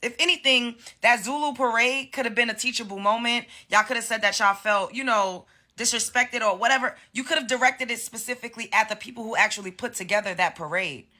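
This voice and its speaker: A woman's voice: a little high, brisk, few pauses, bright, forceful tone. A woman from Brooklyn, delivering a heated, confrontational rant full of swearing. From Brooklyn, New York. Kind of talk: angry social media rant.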